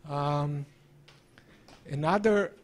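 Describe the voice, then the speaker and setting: Male presenter, 60s, somewhat raised pitch, halting and hesitant, live talk on a handheld mic. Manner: halting, hesitant delivery with broken-up phrases. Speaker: presenter, visiting scientist and entrepreneur. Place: small indoor presentation room. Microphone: handheld microphone, held at varying distance.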